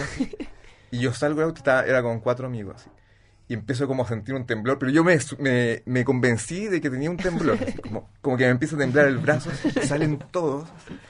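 A man in a casual chat, telling a story in halting, self-interrupting bits. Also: mid-range voice.

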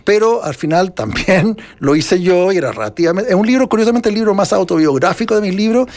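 A man's voice: high-pitched, expressive, a little fast, a little mellow. A middle-aged man with a Chilean accent, an author answering interview questions in a rambling, reflective way full of restarts. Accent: Chilean Spanish. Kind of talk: casual interview conversation.

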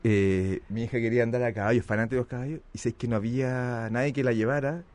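A middle-aged man with a Chilean accent, telling comic stories in lively banter. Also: medium pitch, fast, dry recording. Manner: lively storytelling, mimics voices.

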